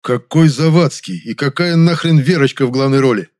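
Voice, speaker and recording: A man's voice: mid-range voice, quick pace, darkish tone, pitched above the performer's own voice, natural voice. A man voicing a defiant young male producer in an audiobook, speaking firmly and tensely. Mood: indignant.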